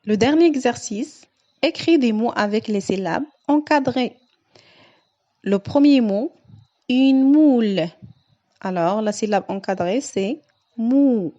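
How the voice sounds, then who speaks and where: A woman teacher going through a reading lesson for young children, speaking slowly and carefully and stretching out the key words. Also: a little high, expressive, warm tone. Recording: dull lo-fi sound.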